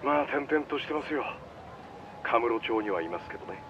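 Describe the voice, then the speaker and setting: A man with a natural, mid-range voice speaks a little fast and with plenty of expression. He's portraying an easygoing, polite, shrewd underworld informant in a game cutscene who explains matters offhandedly by phone, sounding casual yet cautionary. The sound is flat and phone-like, with street noise in the background.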